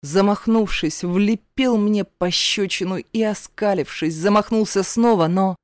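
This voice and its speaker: A woman's voice: mid-range voice, a little slow, no echo, clean studio sound. A woman reading a first-person story as an audiobook narrator, in a dramatic, emotional storytelling manner.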